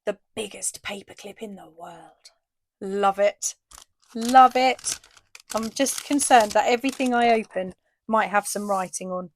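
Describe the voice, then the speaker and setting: A woman from the UK, a craft shop owner chatting through a casual video update and an unboxing, says she is losing her voice and gets excited over each item. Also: mid-range voice, normal speed, slight background noise. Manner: chatty, enthusiastic, frequent ooh and fillers.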